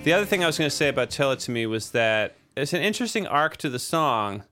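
Over music, a medium-pitched man talks fast while co-hosting a podcast, loosely recalling recording a song. The drummer stays relaxed and rambles with many fillers.

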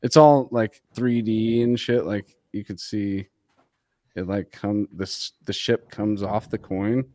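A man's voice: fairly low pitch, steady tone, slow pace, a little mellow, dry recording. Frat-bro guy, close dry sound. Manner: frat-bro slang, constant "dude" and swearing. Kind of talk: casual podcast banter among friends.

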